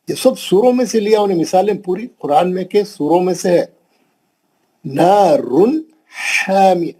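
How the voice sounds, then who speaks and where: Man, Hyderabadi accent, Quran teacher, husky voice, slightly high pitch, patient drilling. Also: mellow, rough recording. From India. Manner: slow, patient, repeats examples and drills pronunciation. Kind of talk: classroom tajweed lesson.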